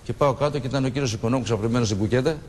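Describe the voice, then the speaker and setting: In a TV studio interview, a man in his sixties recalls surviving a shipwreck with emotion, acting out the dialogue he remembers. His medium-pitched voice is a little mellow and echoes as if in a large hall.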